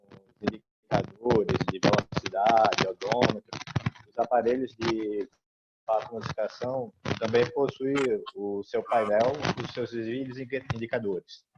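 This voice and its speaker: A man's voice: lowish voice, fairly even intonation, measured pace. A man teaching an online class over a video call, his audio choppy and dropping out in glitches. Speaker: instructor. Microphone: computer mic on a video call. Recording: dull lo-fi call audio with clicks and noise.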